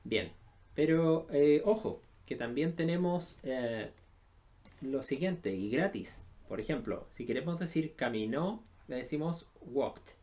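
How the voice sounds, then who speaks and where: A man's voice: medium pitch, animated, slow pace, darkish tone. A man, teaching an English lesson in a recorded online class. He explains step by step, with many filler sounds, and often checks in with his students.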